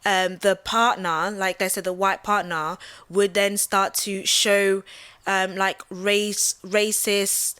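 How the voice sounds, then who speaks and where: A young woman raised in the Midlands, born in Central West Africa, arguing her view in a casual debate, talking in quick bursts with many fillers. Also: mid-range voice, smooth. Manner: animated, many fillers, often asks "do you get what I mean". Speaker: channel host.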